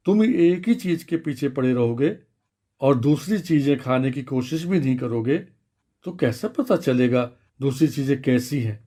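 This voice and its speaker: A man voicing a kind, patient female schoolteacher in a children's radio story, explaining things gently. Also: medium pitch, lively intonation, unhurried. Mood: gentle.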